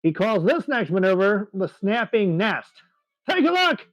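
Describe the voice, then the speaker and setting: A man with a high voice calls an air show live, excitable and chatty, with frequent laughs. His voice sounds dull and muffled, but close and dry. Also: a little slow, no room sound.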